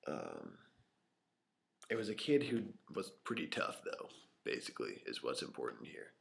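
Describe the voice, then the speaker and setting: A man's voice: very deep voice, huge pitch swings, moderate pace, gravelly, noisy background. A young man telling rambling stories to his camera in a small empty room, with many fillers, sometimes dropping to a whisper. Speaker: vlogger. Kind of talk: unscripted casual storytelling to camera. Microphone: camera microphone.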